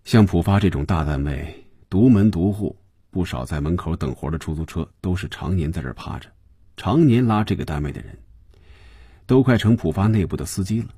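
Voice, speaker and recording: A man playing a shrewd, cautious middle-aged male boss who gives quiet advice. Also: expressive, brisk, husky, dry recording, clean studio sound. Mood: confiding. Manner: low, confiding, advising.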